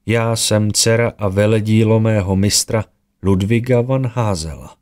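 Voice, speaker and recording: A man voicing a menacing artificial girl, a crafted daughter, speaking in flat, cold pronouncements. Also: fairly low pitch, voice pushed up, lightly acted.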